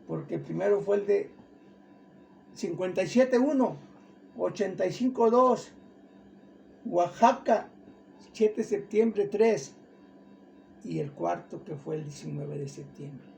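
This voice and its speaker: Gravelly high-voiced preacher. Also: male voice, lively intonation, takes it slowly, pauses often, darkish tone, a little hiss or hum. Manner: fervent, rhetorical questions to listeners, repeats words. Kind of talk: sermon.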